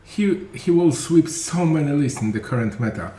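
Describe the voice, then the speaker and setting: A man's voice: fairly high pitch, lively intonation, mellow. Chatty Polish-accented man, echoey room. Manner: chatty, jumps in with quick agreements. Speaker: podcast host. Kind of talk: casual discussion. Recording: echoey room with faint noise.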